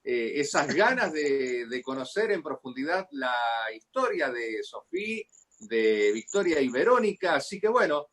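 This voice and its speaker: Argentine man, host on a video call, a bit high-pitched, courteous. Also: big pitch swings, unhurried, a bit bright. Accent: Argentine Spanish. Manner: formal, thanking, with fillers.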